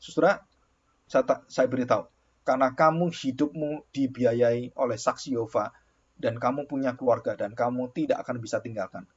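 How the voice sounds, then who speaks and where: A man's voice: mid-range voice, steady tone, moderate pace, breathy edge. A male pastor telling a story in a sermon, acting out the dialogue with bursts of exclamation. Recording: dull lo-fi recording.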